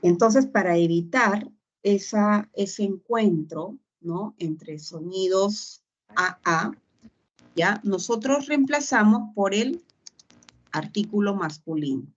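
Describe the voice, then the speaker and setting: A woman's voice: mid-range voice, slow. A woman teaching a grammar lesson, explaining patiently and checking in with short tag questions. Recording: dull lo-fi sound.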